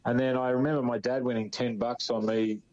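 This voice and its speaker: A man's voice: mid-range voice, flat delivery, brisk, darkish tone, dull audio. A man in his fifties with an Australian accent, a guest in an interview, telling long rambling stories full of restarts and "you know". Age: 50s. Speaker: interview guest, former footballer. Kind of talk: relaxed storytelling.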